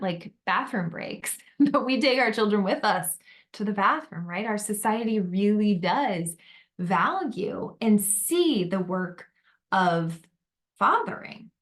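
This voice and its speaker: A woman facilitating a group discussion on motherhood, gentle and validating, with many fillers. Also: mid-range voice. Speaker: workshop facilitator.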